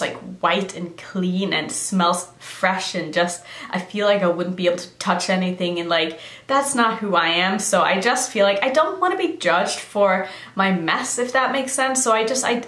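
A chatty beauty vlogger in her thirties, with a mid-range, somewhat bright voice, answers questions in a casual Q&A vlog, sprinkling in lots of "like" fillers. She's in a decorated indoor room that sounds echoey, with the camera framing her head and shoulders.

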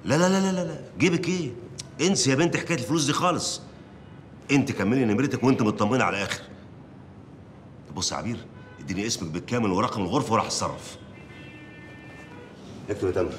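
A commanding, gruff newspaper editor, played by a man barks instructions in a very low voice and talks quickly. He sounds a little distant from the mic, and loud room noise fills the space around him. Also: lightly acted. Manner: gruff, commanding, snaps orders. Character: brusque male newspaper editor on the phone. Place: newspaper office.

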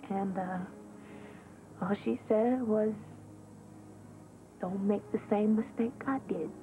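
An actress playing a teenage girl in her senior year who longs for her mother's approval, speaking haltingly and confidingly, heard from a worn VHS tape copy. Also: medium pitch, warm tone, a little hiss or hum. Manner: halting, confiding, pausing to find words. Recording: muffled lo-fi worn videotape sound with faint music.

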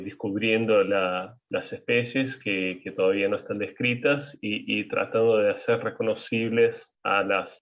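Man on a tinny call line. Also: lowish voice. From Brazil. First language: Portuguese. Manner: hesitant, repeats words while thinking. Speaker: guest biologist. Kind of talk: casual interview answers. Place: indoors at home.

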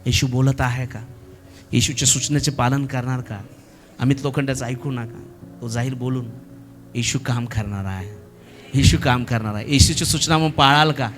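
A man with a Marathi accent preaching a sermon as pastor, impassioned and building to shouted exhortation, leading the congregation in repeated prayer lines. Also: mid-range voice, fairly even intonation, moderate pace, pauses often, soft background music. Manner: leads congregation in repeated call-and-response prayer.

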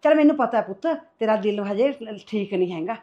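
A woman playing a gentle older mother. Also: medium pitch, expressive, fast talker, close to an everyday voice. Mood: soothing. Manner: gentle, reassuring, calls others son. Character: kindly mother, soothing her son's wife. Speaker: mother-in-law. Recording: dull lo-fi sound.

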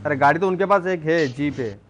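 A slightly high-voiced man calls out enemy positions over gaming voice chat. He talks urgently and repeats his orders again and again. A faint hiss of noise sits under his voice. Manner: urgent, repeats commands rapidly. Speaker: gamer giving team callouts.

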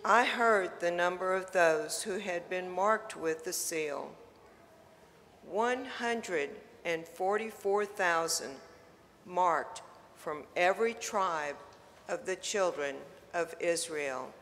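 A man reading scripture aloud as lector at Mass, slow and deliberate. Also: high voice, sharp tone, a little hiss or hum. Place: large church. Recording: long church reverb.

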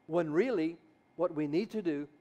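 High-voiced, fervent preaching man. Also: moderate pace. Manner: fervent, exhorting, repeats phrases and builds to loud calls; mixes in Tagalog phrases. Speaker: bishop preaching. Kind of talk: sermon.

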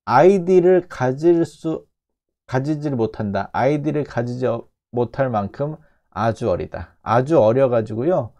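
A man teaching English, explaining a news clip line by line and repeating phrases slowly to break them down. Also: medium pitch, expressive, warm tone.

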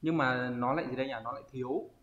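A man teaching an online kanji lesson, often pausing and thinking aloud as he searches for the word. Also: mid-range voice, steady tone, a bit bright. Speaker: Japanese teacher. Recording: roomy, slightly dull audio.

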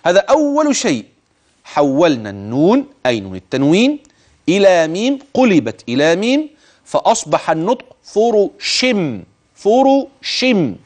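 A man teaching the rules of Quran recitation. He speaks straight to the listener, urges attention, and slowly stretches words to demonstrate how they should be pronounced. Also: a little high, wildly swooping pitch, a little mellow. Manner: addresses the listener directly, urging attention. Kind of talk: tajweed lesson with recited examples.

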